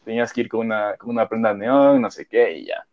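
A man's voice: fairly low pitch, brisk. A young man, telling a story in casual chat, rambling and full of slang and fillers. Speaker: podcast co-host. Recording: dull lo-fi audio.

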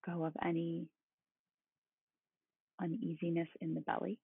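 Calm, creaky meditation guide with husky voice. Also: mid-range voice, a little slow. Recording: roomy, phone-like thin sound.

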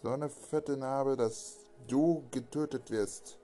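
A man voicing a vengeful scarred male villain in a homemade audio story, threatening slowly. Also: mid-range voice, steady tone, mellow, lightly acted. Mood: menacing.

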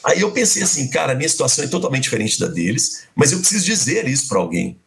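A man's voice: mid-range voice, fast, gravelly, a crowd in the background. A middle-aged man from Belo Horizonte, telling a personal story in a conversation and acting out the dialogue as he goes. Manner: animated, acts out quoted dialogue. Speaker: guest.

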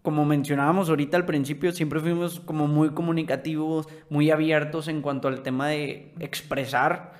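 A young Mexican man, a podcast guest, calmly explaining his side of a story in a casual conversation. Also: on the high side, moderate pace.

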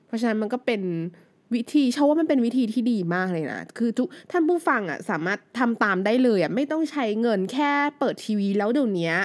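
A woman in her thirties, a native Thai speaker, hosting her own podcast in a loose, chatty solo monologue full of fillers. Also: mid-range voice. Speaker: podcast host. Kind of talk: casual solo podcast chat.

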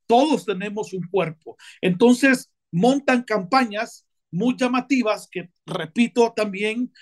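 A man's voice: sits high, slow pace. A man, a guest on a talk show, explaining his view at length with many fillers and repeated tag questions. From Honduras. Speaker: podcast guest speaker.

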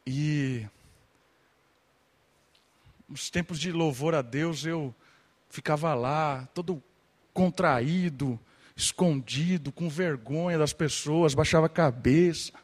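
A young man preaching a sermon to his congregation, lively and animated, sometimes imitating gossiping churchgoers. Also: fairly high pitch, takes it slowly, pauses often, long reverb tail. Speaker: pastor.

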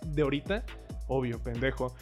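A man's voice: medium pitch, normal speed, a little mellow, soft background music. A man with a Mexican accent joking on a podcast, full of crude slang and self-mockery. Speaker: podcast co-host. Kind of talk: casual podcast chat.

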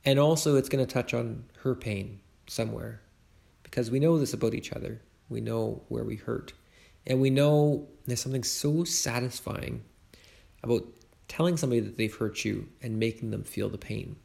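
Gravelly-voiced man giving a faith talk. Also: mid-range voice, moderate pace, a little mellow. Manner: conversational, with frequent restarts.

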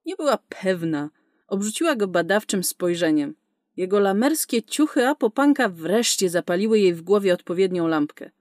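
Woman reading an audiobook, brisk and vivid, dry studio sound, mid voice. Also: mid-range voice, very animated, darkish tone, dry recording. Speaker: audiobook narrator. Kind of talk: scripted narration.

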